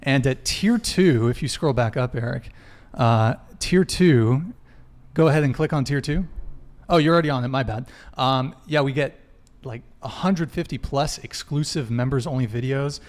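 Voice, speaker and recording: Speaking at normal speed in a mid-range voice, this young podcast host runs a live dating show. His casual stream announcements come out loose and jokey, and tech mishaps trip him up.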